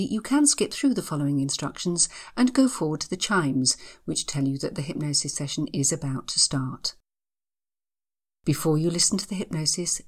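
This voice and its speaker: A woman hypnotherapist hosting a podcast, reading a scripted introduction with measured, gentle instructions. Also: low-pitched.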